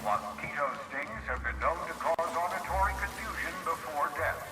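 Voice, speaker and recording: An actor playing a male corporate announcer heard over a public address loudspeaker, calm and deadpan. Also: a little high, normal speed, music in the background. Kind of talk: scripted video game announcement. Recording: echoey distant loudspeaker under loud game noise.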